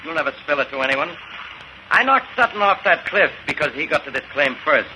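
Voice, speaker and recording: A ruthless, boastful villain of a vintage radio space serial. The voice is high for a man and very sharp and forceful, full of menace. Faint noise runs through the old recording. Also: lively intonation, brisk, poor audio. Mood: gloating menace. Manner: menacing, gloating. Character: ruthless, boastful male space-age murderer with a gun. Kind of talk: 1950s radio adventure acting.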